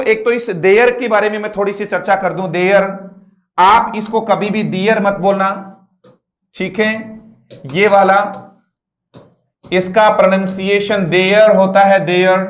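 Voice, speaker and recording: A man's voice: high voice, a bit bright, roomy sound. A male teacher giving a patient classroom lecture, often checking that students follow and stretching out example words. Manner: repeats "dosto", asks "are you getting me"; patient, drawn-out word-by-word explanations. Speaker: English teacher.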